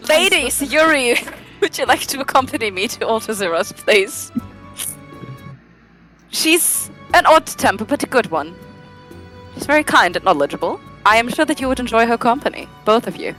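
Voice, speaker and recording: Girl playing a stiff polite young guy, formal and careful, kinda high, soft music under it. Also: lively intonation, rough recording. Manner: courteous, stiff, measured. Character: formal, dignified young man adventurer.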